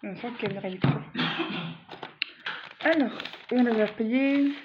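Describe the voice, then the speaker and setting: A woman with a fairly high voice talks through her grocery haul to the camera at a moderate pace. She's chatty and speaks straight to her viewers, full of fillers and restarts. Background noise is present and the highs are cut off.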